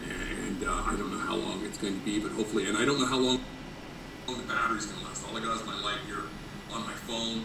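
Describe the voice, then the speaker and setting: Halting man with added cave echo. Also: lowish voice, steady tone, gravelly, distant mic, noisy background. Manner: halting, restarting sentences. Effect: cave-like room echo added in editing. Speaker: video editing tutor. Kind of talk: casual self-recorded clip.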